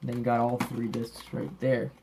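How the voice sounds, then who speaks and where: A man's voice: mid-range voice, monotone, moderate pace, background noise. Man with a lisp from braces. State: slightly sick, sniffly. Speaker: host of a wrestling DVD collection update. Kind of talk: casual, rambling show-and-tell chat.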